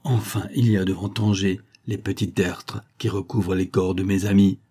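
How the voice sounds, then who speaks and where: A man's voice: deep voice, flat delivery, normal speed, dark tone, breathy edge. A man reading the part of a bitter, vengeful army major in an audiobook, speaking menacingly and harshly. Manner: menacing, grieving, then harsh and clipped.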